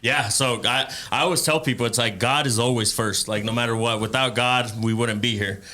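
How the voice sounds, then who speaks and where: A man from El Salvador, a rapper and entrepreneur, telling his life story as a podcast guest in a relaxed way, with frequent fillers and laughs. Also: medium pitch, fairly quick. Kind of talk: casual interview chat.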